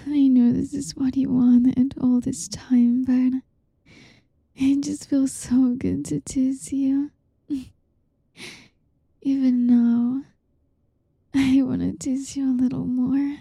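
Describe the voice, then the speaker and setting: A young woman speaks in a breathy, hushed voice, lingering very slowly over every word as she teases and coaxes. Her tone is high yet mellow and dark, held within a narrow, even range. The sound is dry and close. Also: no echo. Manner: teasing, coaxing, soft-spoken. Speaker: audio roleplay performer. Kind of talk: intimate whispered roleplay.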